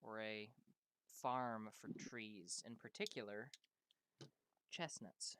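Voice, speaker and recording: Bright, clear-voiced male game master. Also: on the low side, slow pace, dry recording. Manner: casual, with frequent ums and restarts. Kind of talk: narrating a tabletop game.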